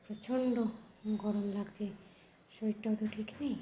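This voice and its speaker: A weary, unwell woman, speaking slowly and quietly in a casual cooking vlog from her home kitchen. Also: mid-range voice, steady tone, low-quality recording. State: tired and unwell. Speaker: vlogger. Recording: loud background noise.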